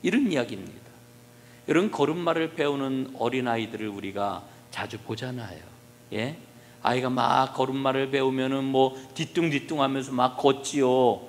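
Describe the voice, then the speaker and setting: A male pastor preaching a sermon, questioning the congregation and swinging between soft, low passages and loud emphasis. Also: normal speed, slight background noise. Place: church sanctuary. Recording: long reverb of a church hall.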